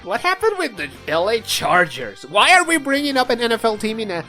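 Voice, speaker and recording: A man's voice: extremely high pitch, big pitch swings, brisk, sharp tone, faint music behind. A man from Mexico with a Mexican accent, co-hosting a podcast in casual, joking, profane banter. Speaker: podcast co-host. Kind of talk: casual chat.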